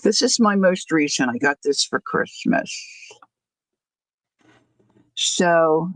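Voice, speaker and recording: A woman's voice: low-pitched, animated, takes it slowly, no room sound, low-quality recording. An older woman chatting casually as a livestream host, rambling easily through asides, her words slightly slurred from missing front teeth. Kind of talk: casual chat.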